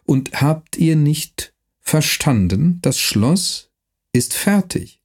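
A man voicing a frail, haughty old nobleman who speaks slowly in a thin, wheezing voice, with long pauses. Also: on the high side, sing-song, breathy edge, voice pushed up, heavily acted. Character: frail old male nobleman, pipe-smoking, mystical, haughty.

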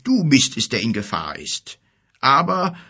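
A man's voice: medium pitch, wildly swooping pitch, bright, forceful tone, slightly rough, pitched above the performer's own voice, exaggerated voice. A man voicing a weary old pond king. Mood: compassionate. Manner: grave, bitter, measured speech. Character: old bent sorrowful king of a pond people.

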